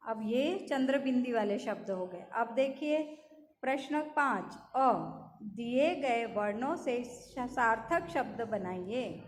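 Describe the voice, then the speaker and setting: A woman teaching young children, slowly sounding out syllables and words and asking and answering her own questions. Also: high voice, roomy sound, long reverb tail. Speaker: primary school teacher. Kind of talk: Hindi lesson for young children.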